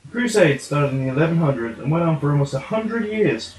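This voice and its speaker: A man with a slightly high voice narrates an educational puppet comedy from a script. The room echo is strong. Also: big pitch swings, a little fast, a little mellow, slight background noise. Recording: echoey room.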